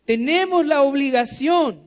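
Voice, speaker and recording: A man's voice: very high-pitched, measured pace. A male pastor preaching a sermon in church. He quizzes the congregation with rhetorical questions and repeats key phrases for emphasis.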